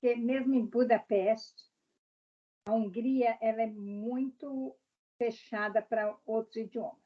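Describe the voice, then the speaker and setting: A woman's voice: a little high, fairly even intonation, unhurried, muffled recording. A woman from Brazil, a guest in a casual interview, speaking directly and explaining her views with examples.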